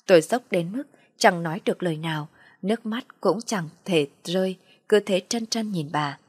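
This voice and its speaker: Brief: woman narrator for an audio story, low-pitched, soft and sorrowful, dry close sound. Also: normal speed, breathy edge, no room sound.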